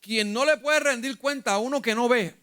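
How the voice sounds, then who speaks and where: A man's voice: very high voice, moderate pace, sharp tone, clean tone. A man with a Puerto Rican accent preaching a sermon as pastor, asking his congregation questions and rising when he retells scripture. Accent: Puerto Rican Spanish.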